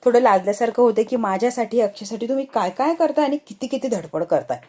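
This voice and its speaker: A woman voicing a shy, gentle young wife who speaks softly and haltingly. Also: fairly high pitch, close to an everyday voice. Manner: soft, hesitant.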